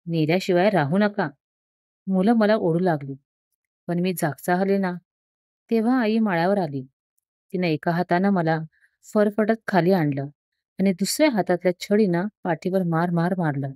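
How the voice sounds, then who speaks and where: A woman narrating a story in a calm, even storytelling delivery. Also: on the low side, moderate pace, no room sound, studio quality.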